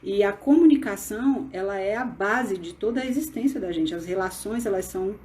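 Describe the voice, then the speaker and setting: A woman's voice: medium pitch, mellow. Brazilian woman teaching grammar live. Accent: Brazilian Portuguese. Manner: explanatory, frequent "né?" tag questions and restarts. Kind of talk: live online grammar lesson.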